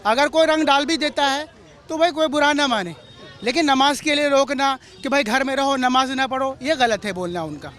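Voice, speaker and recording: A man with a strikingly high-pitched voice speaks to a reporter out on a street. He sounds indignant and emphatic, and he drives each point home by saying it again. He comes across as a member of the public giving his view in a street interview. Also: normal speed, a bit bright, some chatter behind.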